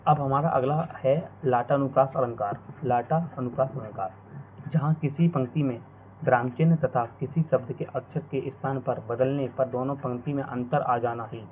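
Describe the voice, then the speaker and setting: A man's voice: medium pitch, fairly even intonation. Guy teaching grammar, says every example twice, sounds like a cheap phone mic with a little hiss. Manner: repeats definitions and examples slowly. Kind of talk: Hindi grammar lesson. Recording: tinny phone-like audio, faint noise.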